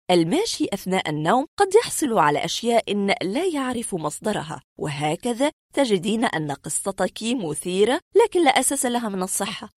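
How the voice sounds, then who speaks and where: A woman voicing a calm, skeptical male doctor who patiently explains things away, speaking low, soft and lecturing. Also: dry recording, studio quality. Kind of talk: audiobook reading.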